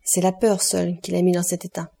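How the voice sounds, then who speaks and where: A woman reading a calm commanding count. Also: lowish voice, brisk, vocal fry. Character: commanding aristocratic male count, composed and masterful.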